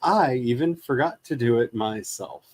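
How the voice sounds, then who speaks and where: A man's voice: mid-range voice, animated, normal speed, a little mellow, no room sound. Wry male livestream host, casual and chatty. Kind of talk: casual gaming stream chat. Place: room shared with second speaker.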